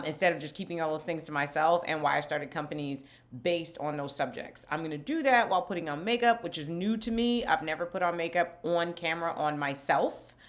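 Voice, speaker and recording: Low-voiced candid middle-aged woman. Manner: candid, chatty, self-deprecating. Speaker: skincare company founder and vlogger. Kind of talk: get-ready-with-me makeup chat.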